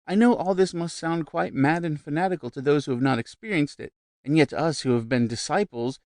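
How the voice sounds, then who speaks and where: A man performs a vivacious, shrill middle-aged society woman gushing about spirits, pitching his voice high and loud above its natural register. The recording is dry, with clean studio sound.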